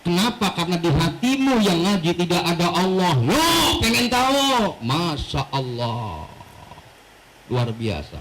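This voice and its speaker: A male preacher giving an animated mosque sermon, joking and quoting Arabic texts. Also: high-pitched, measured pace, a little hiss or hum, poor audio. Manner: animated storytelling with jokes and Arabic quotations. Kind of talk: mosque study-circle sermon. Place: mosque hall.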